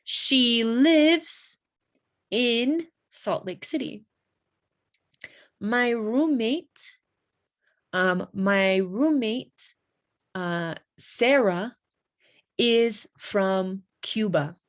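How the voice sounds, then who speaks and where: A woman teaching an English lesson, explaining slowly and carefully and modeling example phrases for learners. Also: fairly high pitch. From United States. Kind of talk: slow classroom explanation.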